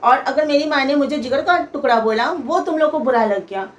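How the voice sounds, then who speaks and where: A woman's voice: sits high, a little fast. A woman vlogger telling a personal story in a casual, indignant way, quoting the people involved. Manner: animated and indignant, quoting others. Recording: faint outside noise behind.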